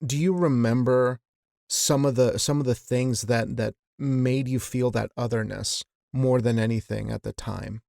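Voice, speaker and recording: A man from Wyoming hosting an interview podcast, asking questions in a measured way and often repeating a word as he restarts. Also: medium pitch, fairly even intonation, vocal fry, no room sound, clean studio sound. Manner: warm, measured, repeats words when restarting. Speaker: podcast host.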